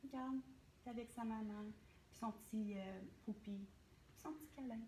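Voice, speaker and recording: A woman's voice: fairly high pitch, moderate pace, slight background noise. A woman leading a library storytime, reading picture books and talking encouragingly to children. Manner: warm encouraging, addressing children. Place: library room. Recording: echoey room, faint ambience.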